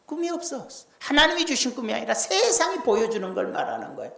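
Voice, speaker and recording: A male pastor preaching a Sunday sermon in a lively, folksy way, swinging from loud declarations to hushed asides. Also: very high voice, fast, creaky. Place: church sanctuary. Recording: roomy church sanctuary echo.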